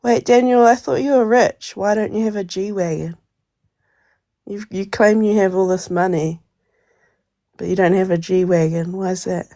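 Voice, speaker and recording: A woman's voice: mid-range voice, steady tone, normal speed, mellow, dry recording. A sick woman on a live-stream debate panel, pointedly calling a rival to account. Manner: pointed, accusing. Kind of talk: heated live-stream argument.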